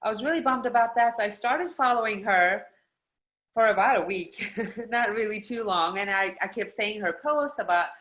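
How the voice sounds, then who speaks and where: A woman's voice: mid-range voice, moderate pace. Earnest woman in her forties, stuffy voice. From Germany. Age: 40s. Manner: earnest and steady, telling her story. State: stuffy from allergies. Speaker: guest. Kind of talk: personal story on a video call.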